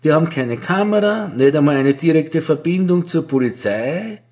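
A shrill, bored older postal clerk, put on by a male reader, sighing in a high voice. The voice climbs well above the narrator's own and swings widely. It suits a storybook reading. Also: expressive, moderate pace, darkish tone, close to an everyday voice. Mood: bored, daydreaming. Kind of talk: audiobook character voice.

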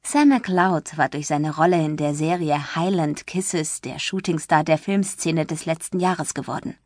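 A woman reading a novel aloud as audiobook narrator, lively and expressive, recorded close in a dry booth. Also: measured pace, no echo. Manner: lively, voices the friends with light pitch shifts. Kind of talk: scripted narration. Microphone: close studio mic.

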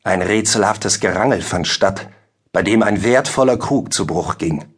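A man narrating a classic story for children in a measured storytelling manner. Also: fairly low pitch, slightly rough. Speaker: audiobook narrator.

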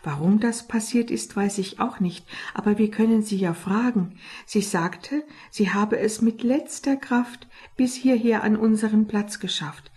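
A brisk, bossy little sparrow who urges his friends along, read by a woman. He has a mellow, husky voice. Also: mid-range voice. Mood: eager. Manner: brisk, impatient. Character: clever, impatient male sparrow leader.

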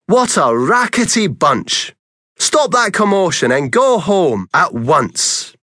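Grumpy, woken-up neighbours telling off noisy cats in a children's story, as a man puts them on. The scolding sits higher and sounds exasperated. It is dry and close-miked. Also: very animated, slow pace, bright, forceful tone, dry recording, exaggerated voice.

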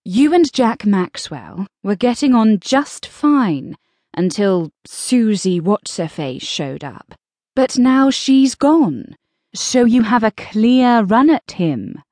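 A brash young sister with a bright, raised voice and a teasing, pushy edge, her pitch swinging up and down as she needles in a woman narrator's reading. The lines are unhurried and recorded close and dry, as in an audiobook studio. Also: very animated, no room sound. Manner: pushy, playful and matter-of-fact. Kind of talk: audiobook dialogue.

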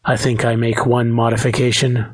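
A man voicing a stern, commanding male dance instructor in an audiobook, speaking in a flat, unaffected tone. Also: medium pitch, moderate pace, breathy edge, no room sound, clean studio sound, close to an everyday voice.

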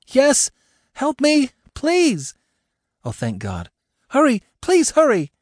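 A man's voice: medium pitch, sing-song, measured pace, darkish tone, slightly rough, no room sound, clean studio sound. A male narrator voicing a panicked young woman stranded in a crashed car, pleading frantically for help. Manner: frantic, pleading, breathless cries.

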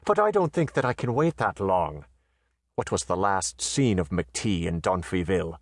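A man voicing a calm, dry-humored western tough who speaks softly and understated. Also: low voice, normal speed, dry recording. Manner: soft-spoken, dry and understated. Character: calm, wry, dangerous male western chore boy.

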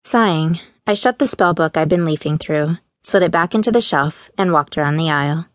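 Female audiobook narrator, first-person teen voice, low-leaning pitch, dry booth. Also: moderate pace, no echo. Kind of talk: scripted narration. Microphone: studio mic, dry booth.

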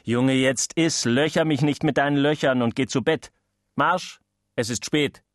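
Ein Mann spricht in einer Hörbuchlesung einen ungeduldigen Familienvater mittleren Alters, der belehrend und ausweichend redet. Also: male voice, mid-range voice, unhurried, no room sound, studio quality, lightly acted. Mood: impatient. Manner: gruff, lecturing, evasive. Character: impatient, blustering middle-aged father.

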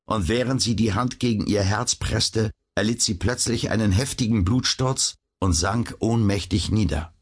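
A man's voice: on the low side, moderate pace, slightly rough. A man narrating a classic adventure story as an audiobook, in a dramatic storytelling manner. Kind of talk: scripted narration.

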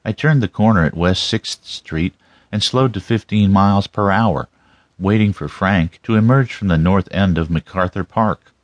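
Very low-voiced male audiobook narrator. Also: normal speed, no room sound. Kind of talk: scripted first-person crime story narration.

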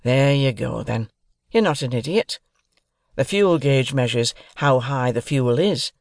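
A man voicing a young miner in his twenties who talks in a calm, reassuring, easygoing way. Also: medium pitch, measured pace, creaky, no echo, studio quality.

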